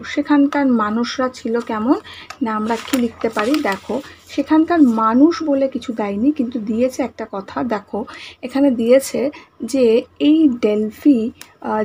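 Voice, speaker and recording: A woman teacher with a slightly high voice walks the class through answers, speaking softly because talking is hard today. She repeats each answer and checks that the children follow. Faint noise hums in the background. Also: rough recording. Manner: patient, repeats answers and asks the class questions. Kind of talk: online class lesson.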